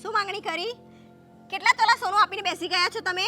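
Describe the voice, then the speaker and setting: An actress playing a domineering sister-in-law who scolds and argues sharply in a family drama. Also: female voice, very high voice, fast, sharp tone, faint music behind, full character voice. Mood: scolding. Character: domineering, haughty sister-in-law of adult age. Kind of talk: scripted family drama dialogue.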